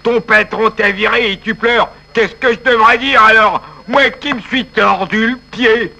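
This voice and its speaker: A man's voice: high voice, takes it slowly, gravelly, sharp tone, heavily acted, rough recording. A man voicing a tactless fellow who mocks and fusses over a weeping friend in a comic sketch. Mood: blunt. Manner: bossy, mocking, fussing.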